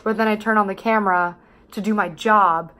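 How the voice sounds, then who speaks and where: A woman's voice: medium pitch, fairly even intonation, brisk, pushed and bright. A woman of twenty-seven talking candidly and casually to camera as a vlogger, in a confessional, rambling way with plenty of swearing.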